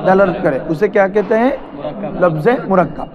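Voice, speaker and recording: A man's voice: high-pitched, fairly quick, lo-fi sound, crowd noise. A man teaching a classroom grammar lesson, asking his students questions and repeating terms for them to answer. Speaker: madrasa teacher.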